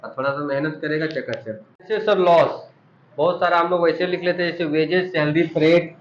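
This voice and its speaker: A man's voice: on the high side, fairly even intonation, a little fast, slight background noise. A man teaching an accounting class, explaining terms and quizzing his students with repeated questions. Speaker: commerce teacher. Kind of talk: classroom lesson. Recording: dull echoey room recording.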